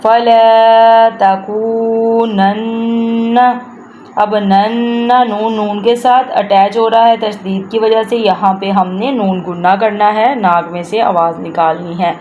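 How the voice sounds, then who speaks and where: A woman teaching word-by-word Quran recitation, chanting each phrase slowly and repeating it, then explaining the pronunciation rules in plain, patient speech. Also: mid-range voice, fairly even intonation, highs cut off, slight background noise.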